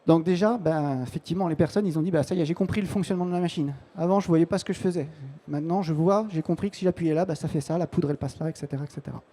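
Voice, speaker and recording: A man's voice: a little high, rapid-fire, warm tone. A man, a technical support manager, giving a live conference presentation on a trade-show floor, informal and full of restarts and fillers.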